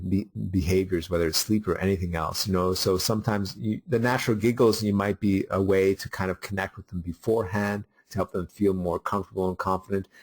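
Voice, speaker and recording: Middle-aged male webinar host, lowish voice, unscripted and rambling, keeps restarting his sentences. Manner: halting, many fillers and restarts. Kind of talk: unscripted teaching talk.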